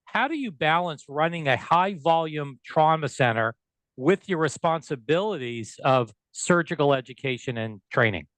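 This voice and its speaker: Smooth-voiced middle-aged male podcast host. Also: fairly high pitch, expressive, normal speed, a bit bright, dry recording, low-quality recording. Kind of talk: podcast interview.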